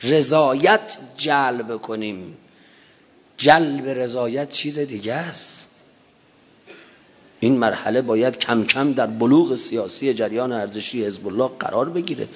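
A man preaching a religious sermon with impassioned emphasis, swelling to drawn-out chanted phrases. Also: medium pitch, husky. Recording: dull lo-fi recording in a reverberant hall.

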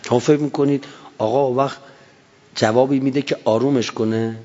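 A man's voice: mid-range voice, steady tone, a little mellow. A man in his fifties giving a religious lecture, telling stories with emphatic rises. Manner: storytelling with acted-out quotes and rising emphasis. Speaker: speaker. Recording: dull sound in a long-reverb hall.

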